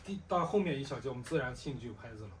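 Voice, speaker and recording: Quick-talking musician leading a rehearsal. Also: medium pitch, lively intonation, roomy sound, a crowd in the background. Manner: quick, practical, directing others. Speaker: string ensemble player leading rehearsal. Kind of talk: rehearsal discussion. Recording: distant mic with instruments playing.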